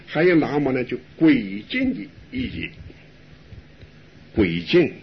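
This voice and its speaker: Chuckling old monk, lively pitch. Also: male voice, creaky. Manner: gentle, chuckling, unhurried teaching. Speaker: elderly monk answering questions. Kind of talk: dharma talk with live interpretation. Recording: dull lo-fi recording with faint hiss.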